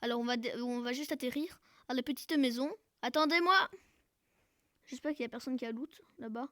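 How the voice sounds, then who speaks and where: A woman giving casual, jokey gameplay commentary who keeps bursting into loud shouts and cries. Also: high voice, brisk, dry recording, studio quality. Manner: jokey, self-mocking. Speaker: gaming video creator.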